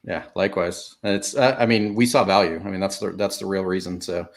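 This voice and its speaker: A hoarse man hosting a podcast, plainspoken and encouraging, often clearing his throat. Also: low voice, fairly even intonation, a little fast. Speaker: podcast host. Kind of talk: casual conversational interview.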